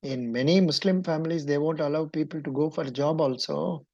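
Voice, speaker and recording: Speaking briskly, an interview coach with a low, mellow female voice and a Kannada-influenced Indian English accent gives instructions along the way, encouraging yet probing. The recording sounds dull and lo-fi but has no echo.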